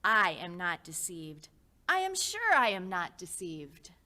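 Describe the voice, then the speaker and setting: A fervent, devout old man presses his case in a slow, earnest, preacherly cadence, as a woman puts him on. The voice is bright and drawn out, each plea lingering. He is set in a dramatized history story. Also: lowish voice, sing-song, full character voice. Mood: insistent. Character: fervent devout older male host, insistent. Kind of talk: storytelling reenactment.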